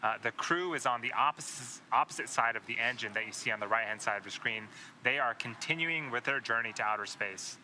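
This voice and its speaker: A man with a very bright, forward voice commentates live on a launch webcast. He explains technical steps in an instructive way at a medium pitch. There is faint noise behind him. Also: a little fast.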